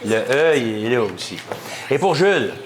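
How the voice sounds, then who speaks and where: A man with a Québécois accent hosting a school quiz game, reading questions and ruling on answers at a quick clip. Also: mid-range voice, very animated, background noise. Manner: brisk, quick-paced quizmaster, reads questions and rules on answers. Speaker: quiz show host.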